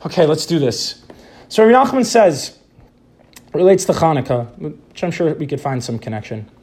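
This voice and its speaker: A man with a notably high voice leads an informal spiritual lesson for a small group. He talks in a reflective, unhurried way, pausing to recite Hebrew quotations before explaining them. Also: very animated, a little mellow. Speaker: teacher leading a Torah study group.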